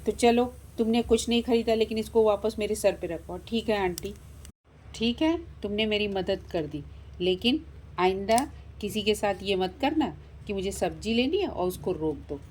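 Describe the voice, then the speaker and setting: A woman's voice: mid-range voice, animated, moderate pace, a little mellow, slight background noise, close to an everyday voice. A woman voicing a pushy middle-aged female vegetable seller in a doll story, hawking in a sing-song and scolding a child.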